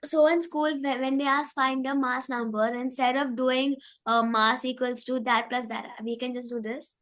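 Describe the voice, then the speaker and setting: A woman's voice: sits high, level tone, normal speed, a bit bright. A young female pupil speaks. She is polite and somewhat hesitant as she puts questions in class.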